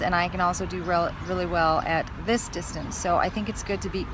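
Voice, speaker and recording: A woman's voice: lowish voice, background noise. A woman talking casually to her vlog viewers, thinking aloud in long, chatty explanations. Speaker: fitness vlogger.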